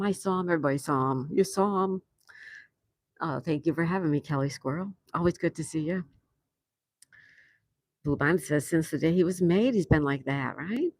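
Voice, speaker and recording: With a deep voice on a dry recording, an older New Yorker hosts a casual livestream from her outdoor patio. She chats and reads viewers' messages aloud, laughing frequently.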